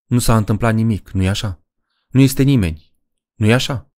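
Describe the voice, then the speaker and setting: A man's voice: on the low side, a little mellow, natural voice. A man voicing a frightened young woman talking to herself alone at night, in an audiobook reading. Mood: anxious.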